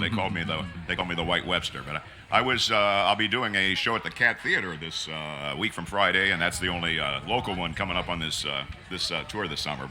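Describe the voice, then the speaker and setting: Fast, deep-voiced American male parade commentator. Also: pushed and bright. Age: middle-aged. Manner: wry, rambling, joking. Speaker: parade commentator and stand-up comedian. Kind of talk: casual joking parade commentator banter.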